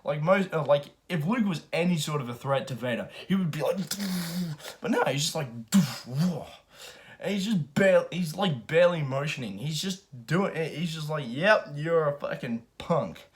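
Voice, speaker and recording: Excited, swearing male film reviewer. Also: fairly high pitch, unhurried. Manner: profane, excited, rambling. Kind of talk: casual spoken review.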